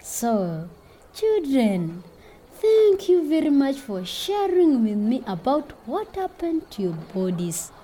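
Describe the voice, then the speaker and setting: A woman's voice: sits high, very animated, takes it slowly, warm tone, a little hiss or hum, rough recording. A woman teaching a group of children, speaking in an encouraging, sing-song way. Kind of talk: children's lesson.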